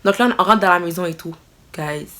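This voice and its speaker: A young woman telling a casual storytime to her viewers, expressive and exclaiming as she retells the scene. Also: on the low side, fairly quick. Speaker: vlogger.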